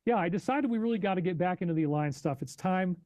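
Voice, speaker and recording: Animated man hosting a live stream. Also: high voice, quick pace, no room sound. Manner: animated, incredulous rhetorical questioning; reads chat donations aloud. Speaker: podcast host.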